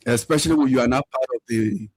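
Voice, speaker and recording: Husky man chiming in. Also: medium pitch, fast, a little mellow, no echo, rough recording. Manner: brief interjections. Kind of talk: political panel commentary.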